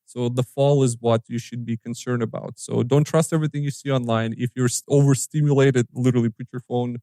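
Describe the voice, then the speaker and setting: A man's voice: medium pitch, fairly even intonation, a little fast, warm tone, no room sound. Earnest advising man on a podcast. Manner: earnest and advising, with some restarts. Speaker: podcast co-host. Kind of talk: casual podcast chat.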